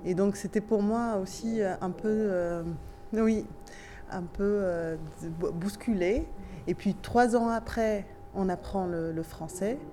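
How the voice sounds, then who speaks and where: A Tunisian woman whose native language is Tunisian Arabic gives thoughtful, hesitant interview answers in French, pausing and restarting often. She has a light Tunisian accent, a slightly nasal, mellow medium-pitched voice, and there's a little hiss or hum.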